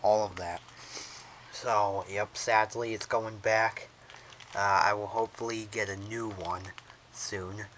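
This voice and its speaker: A man shows off a radio from his collection in a casual unboxing vlog, talking as he handles it, rambling, and saying "so" and "uh" a lot. He speaks slowly in a lowish, fairly bright voice with fairly even intonation, and there's a little hiss or hum.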